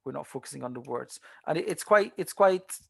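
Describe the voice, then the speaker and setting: A man's voice: a little high, expressive, brisk, creaky, dry recording, clean studio sound. A man tutoring translation students in a seminar, talking in a conversational way with many fillers and restarts. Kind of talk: online seminar lecture.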